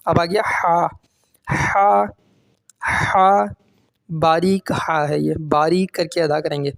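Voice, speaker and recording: A man teaching a step-by-step Quran reading lesson, patiently repeating each letter slowly and drawing it out, then asking questions and answering them himself. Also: on the high side, fairly even intonation, creaky, dry recording.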